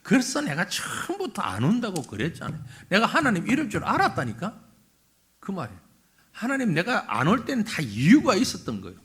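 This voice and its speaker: A man's voice: high-pitched, huge pitch swings, fairly quick, a bit bright, exaggerated voice. A pastor voicing a resentful grown male prophet who whines and complains petulantly to God. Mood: sulky.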